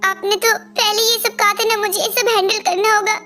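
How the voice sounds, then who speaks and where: A woman's voice: extremely high pitch, flat delivery, normal speed. A woman voicing a timid young female makeup artist in an amateur dub, pleading and tearful. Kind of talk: amateur dubbing. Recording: soft music behind.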